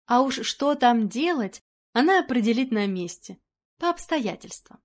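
A woman reading a novel aloud as narrator, with a steady, expressive delivery. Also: on the high side, moderate pace. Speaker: audiobook narrator. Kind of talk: scripted narration.

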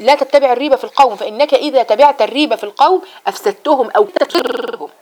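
A middle-aged woman with an Egyptian accent giving a religious lesson to women, lively and repeating her phrases as she acts out examples. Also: high voice, racing, slight background noise. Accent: Egyptian Arabic. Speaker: religious teacher.

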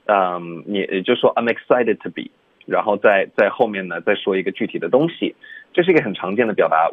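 Man, English teacher, radio lesson, slow explaining, mixes languages, dry tinny sound. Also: lowish voice, no room sound. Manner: explains slowly, mixes English and Chinese, stammers at times. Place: radio studio.

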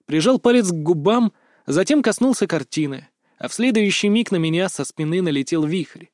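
A man reads a first-person audiobook in a measured storytelling voice. His pitch is fairly high for a man. The studio sound is dry and close, with no room around it. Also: lively intonation, darkish tone, no room sound. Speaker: audiobook narrator. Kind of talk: scripted first-person narration.

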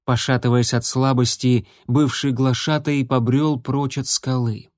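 A man narrating an audiobook in an even, measured way. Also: medium pitch, dry recording, studio quality. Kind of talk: scripted narration.

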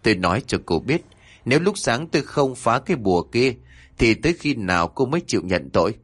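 A man playing a stern older male exorcist with a deep, somber voice who scolds harshly in a horror story. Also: lively intonation, moderate pace, a bit bright, no room sound.

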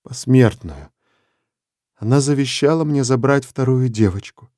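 A small, disheveled violinist , as a male narrator puts him on speaks in a quiet, mournful voice. The delivery is soft and sad, as in an audiobook story. The sound is dry and close. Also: medium pitch, measured pace, no room sound, lightly acted. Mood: sorrowful.

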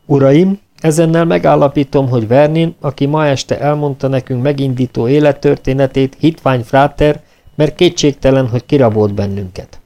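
A man's voice: medium pitch, warm tone, close to an everyday voice. A man reading an audiobook, voicing a stern, pompous male legionnaire who speaks formally like a prosecutor. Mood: solemn, indignant. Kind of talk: audiobook character voice.

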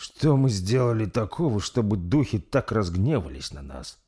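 A man's voice: fairly low pitch, sing-song, normal speed, dark tone, slightly rough. A man voicing a loyal knight commander, grave and earnest.

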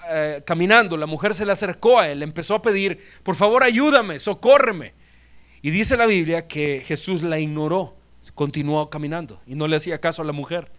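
A man's voice: high voice, fairly bright tone. A male pastor preaching a sermon emphatically, repeating points and asking rhetorical questions.

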